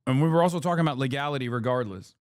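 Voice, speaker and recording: A man's voice: medium pitch, dry recording, clean studio sound. A man in his thirties streaming, reacting to an interview with heated, profane, incredulous commentary. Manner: fast, profane, incredulous rants.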